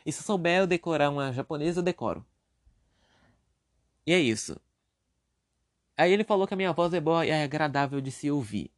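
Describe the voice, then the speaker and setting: A young man with a Brazilian Portuguese accent hosts his own podcast as a loose, rambling monologue. His voice sits a little higher than most men's. He talks about himself with self-deprecating humor and wanders off into side jokes. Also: animated, a little fast, long pauses. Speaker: podcast host. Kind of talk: casual solo podcast monologue.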